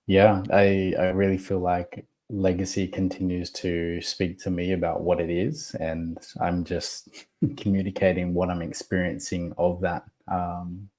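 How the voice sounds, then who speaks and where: A man with a very low voice answers questions as a podcast guest. His delivery stays level, without much rise and fall. He speaks in a slow, measured, thoughtful way with pauses. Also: a little mellow. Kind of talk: reflective interview talk.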